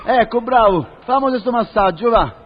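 A man's voice: very high voice, expressive, moderate pace, slight background noise. A man telling a rustic comic monologue in first person, rambling and indignant, full of rhyming curses. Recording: lo-fi recording with faint audience.

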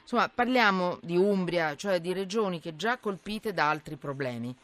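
A woman's voice: fairly low pitch, expressive, normal speed, fairly bright tone. A woman hosting a live radio news talk, speaking in an emphatic, indignant way and often cutting in. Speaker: radio host.

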